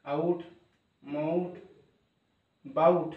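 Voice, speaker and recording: A man's voice: fairly high pitch, fairly even intonation, narrow, tinny audio. A man teaching English spelling and pronunciation, spelling words out letter by letter and repeating key points as he goes. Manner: repeats phrases, pauses to check spellings. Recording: roomy echo, mic some distance away.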